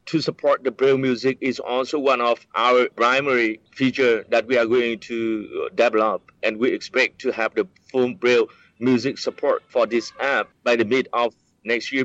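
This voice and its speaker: A guy who develops apps explains his work in English during a casual interview, hesitating often with lots of uh, um and restarts. He has a mid-range, slightly bright voice, and the recording is dry with no echo but somewhat muffled, dull and lo-fi.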